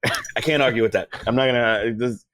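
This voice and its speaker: A man telling animated stories in casual podcast chat, often putting on voices for the people he quotes. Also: medium pitch, a little fast, no room sound. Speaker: podcast guest, comedian.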